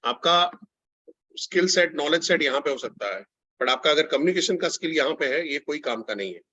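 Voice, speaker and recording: Man, sales trainer, husky voice, slightly high pitch, muffled dry recording. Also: lively intonation, a little fast, sharp tone, no echo. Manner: coaching, repeats phrases, addresses listeners directly. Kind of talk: online training session.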